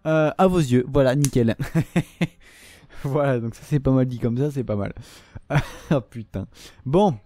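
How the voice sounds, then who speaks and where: A man commentating his own shooter gameplay, excitable and swearing often, shouting at opponents. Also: mid-range voice, unhurried, long pauses, faint music behind. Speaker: gaming YouTuber.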